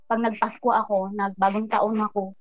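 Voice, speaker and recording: A woman guest recounting her personal story in an interview, earnest and animated, often trailing off with fillers. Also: mid-range voice, normal speed. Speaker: guest, business owner. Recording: muffled sound with faint music.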